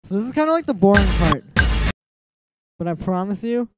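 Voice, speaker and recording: A young man with a nasal, high voice and brisk delivery hosts a casual music production livestream from a small room in his home. His talk is relaxed and rambling, peppered with "like," with asides mumbled to himself.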